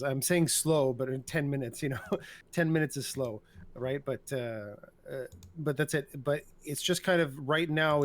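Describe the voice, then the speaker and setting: A man joining a group discussion over a video call, talking hesitantly with many restarts and questioning tags. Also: mid-range voice. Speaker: discussion participant.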